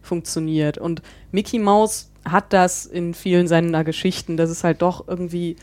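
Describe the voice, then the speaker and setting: Woman podcast host, slightly low voice, playful, asks questions, dry sound. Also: steady tone, normal speed, darkish tone, no echo. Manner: playful, laughs easily, steers the topic. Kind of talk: casual podcast chat.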